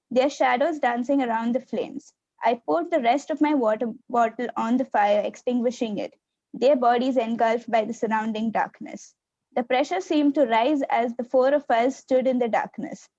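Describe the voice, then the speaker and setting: A woman reading a horror story aloud for a book club, steady with the odd restart. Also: high-pitched, dry recording, dull audio. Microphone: video call.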